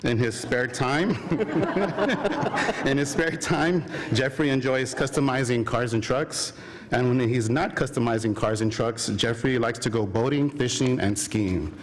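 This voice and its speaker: A man introducing a new employee at a city council meeting, with light humor and a habit of clearing his throat. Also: mid-range voice, unhurried. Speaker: city department supervisor.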